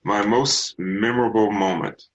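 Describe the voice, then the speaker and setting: This singer, a middle-aged man from Texas, speaks in a bass baritone as a guest in an interview. His answers come in an unhurried, reflective manner full of ums and restarts, and the recording has its high frequencies cut off.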